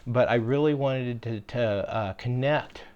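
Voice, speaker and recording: An older man telling stories in a relaxed, folksy way, pausing on "uh" and "um" as he goes. His voice sits at an ordinary middle pitch. He sounds like a grandfather spinning old jokes for the camera. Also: clear, resonant tone, highs cut off. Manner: folksy and rambling, with many fillers. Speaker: homestead channel host, former caregiver. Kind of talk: casual storytelling.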